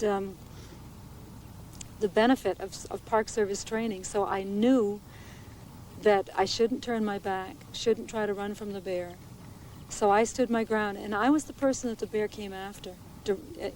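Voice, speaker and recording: Measured woman ranger, halting retelling. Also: mid-range voice, a little mellow, a little hiss or hum, rough recording. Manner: measured, halting, with small restarts. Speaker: naturalist and park ranger. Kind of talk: interview recounting a bear attack. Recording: 1980s VHS documentary interview.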